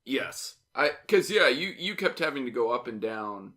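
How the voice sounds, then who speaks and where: A man's voice: medium pitch, sing-song, moderate pace, pushed and bright. A man hosting a casual movie review podcast, joking, swearing freely and laughing often. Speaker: podcast host.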